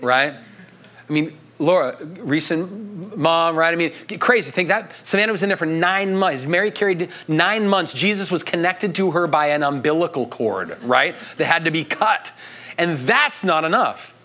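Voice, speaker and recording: A man's voice: a little high, expressive, moderate pace, pushed and bright. A man as pastor preaching a sermon in a conversational way, often checking in with "right?".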